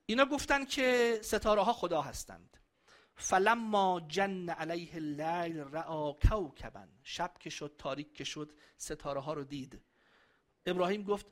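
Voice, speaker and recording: A man's voice: sits high, fairly bright tone. A man giving a religious lecture to a live audience, chatting and joking with them and reciting Arabic verses.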